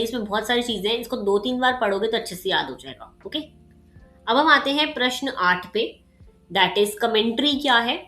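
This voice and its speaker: A woman tutor with a slightly sharp voice, giving a casual exam-prep lecture. She explains with everyday examples and keeps checking in with "ठीक है" and "okay". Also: fairly high pitch, roomy sound.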